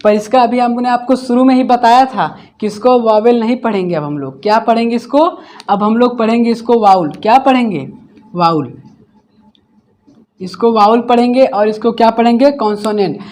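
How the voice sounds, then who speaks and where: A man's voice: very high-pitched, darkish tone. A man teaching English grammar in a class, asking each question and then repeating the answer himself. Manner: explains slowly, step by step. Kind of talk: classroom lesson.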